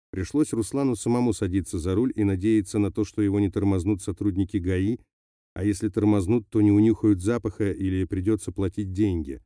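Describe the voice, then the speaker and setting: Man narrating an audiobook, deep dark mellow voice, dry close sound. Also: no echo. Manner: steady, measured reading of a novel. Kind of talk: scripted narration.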